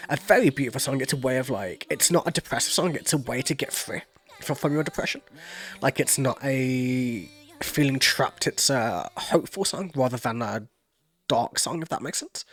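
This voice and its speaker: Male reaction host, casual, profane, filler-heavy, average pitch. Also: expressive, normal speed, fairly bright tone. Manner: loose and profane, full of "like" and "you know". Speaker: music reaction channel host. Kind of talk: casual reaction commentary, explaining lyrics.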